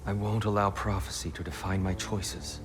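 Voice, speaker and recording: An actor playing a weary, guilt-ridden war god in disguise in a video game cutscene, speaking in a measured, grave way and arguing against war. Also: male voice, low voice, flat delivery, long reverb tail, over music, close to an everyday voice.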